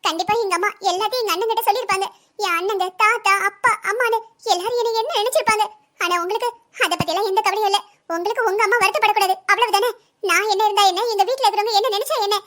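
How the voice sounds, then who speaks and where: A young wife in a homemade cartoon drama, full of bitter sarcasm toward her husband, played by a woman. Her voice sits extremely high and runs fast. The lines come out sharp and mocking. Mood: bitter sarcastic. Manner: sarcastic, biting. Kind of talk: Tamil cartoon drama voicing.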